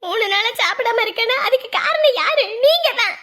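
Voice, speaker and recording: A woman plays a distraught mother whose very high voice carries a gravelly edge as she pleads and scolds, close to tears. Her talk is emotional and insistent, in a family drama. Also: a little fast, fairly bright tone, full character voice. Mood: distressed. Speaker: mother of a grown son. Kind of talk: Tamil family web drama acting.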